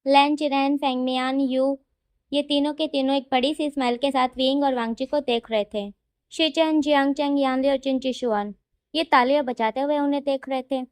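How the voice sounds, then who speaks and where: A woman narrating a romantic fan-fiction story in a chatty, lively manner. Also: high-pitched, moderate pace, no room sound.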